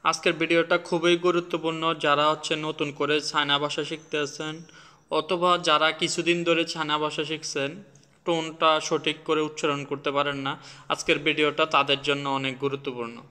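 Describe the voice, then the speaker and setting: A man's voice: a little high, little pitch movement, moderate pace, bright, forceful tone, clear, resonant tone, big-room sound. A man teaching in a casual video lesson, demonstrating sounds and mixing in English words. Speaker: language teacher.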